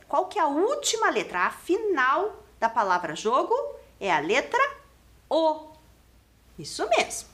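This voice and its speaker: A woman's voice: high-pitched, fairly bright tone. A woman teaching young children on an educational TV lesson, asking questions and guiding them step by step. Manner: slow, sing-song, questioning children at home. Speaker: primary school teacher. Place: TV studio classroom.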